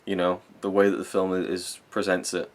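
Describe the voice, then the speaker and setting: A man's voice: low-pitched, monotone, a little fast. A young man giving a casual, rambling, earnest film review, swearing now and then and getting openly emotional.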